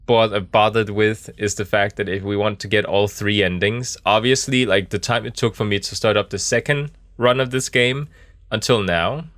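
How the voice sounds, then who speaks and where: Low-voiced man rambling through game commentary. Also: fairly even intonation, moderate pace, fairly bright tone, no room sound. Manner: rambling, joking, laid-back. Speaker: game streamer. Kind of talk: casual playthrough commentary, thinking aloud. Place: small office in a camper.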